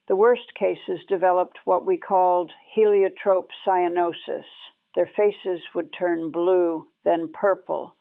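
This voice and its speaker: A woman who once served as a war nurse tells her own story in short, measured clauses, her tone somber. The old lo-fi recording is tinny and dry like archival radio, with no room sound, and her fairly low voice carries vocal fry.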